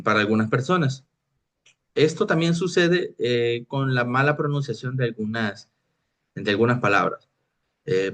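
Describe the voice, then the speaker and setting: A man's voice: mid-range voice, fairly bright tone. Male teacher, recorded lecture, explanatory, checks in with students often. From Mexico. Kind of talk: recorded lecture on technical writing.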